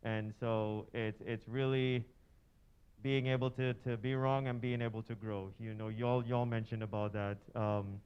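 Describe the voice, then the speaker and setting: A man from Trinidad and Tobago, talking haltingly with many fillers and restarts in a church workshop discussion. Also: medium pitch, flat delivery, clear, resonant tone, dull audio. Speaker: workshop participant.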